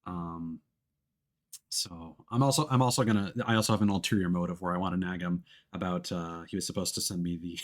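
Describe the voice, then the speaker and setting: A man with a low, steady voice chats briskly and casually with viewers as a VTuber livestreamer, rambling in an easygoing way. Music plays in the background.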